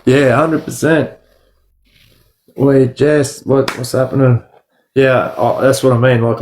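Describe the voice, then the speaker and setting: A man with an Australian accent and a dark, relaxed tone, talking at a middle pitch. He hosts a casual livestream, rambling in blunt slang and doubling back on his own phrases. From Sydney, Australia. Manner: slangy, blunt, often addressing listeners as bro or lad. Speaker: livestream host.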